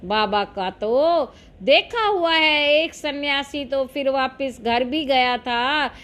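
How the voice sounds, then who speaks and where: A woman reading a devotional discourse aloud in a slow, measured preaching manner. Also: high-pitched, expressive, fairly bright tone. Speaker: spiritual reader.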